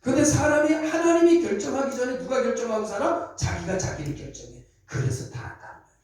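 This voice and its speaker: A man's voice: extremely high pitch, expressive, fairly quick, darkish tone. A middle-aged male pastor preaching conversationally to church officers, asking rhetorical questions and acting out dialogues. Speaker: senior pastor. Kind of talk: sermon training church officers. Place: church sanctuary. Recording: very echoey hall, voice from far off.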